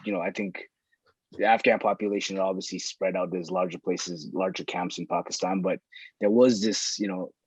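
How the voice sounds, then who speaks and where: A man's voice: low-pitched, fairly quick, vocal fry, slightly rough, dry recording, rough recording. A man in casual conversation, thinking aloud and circling back on his phrases.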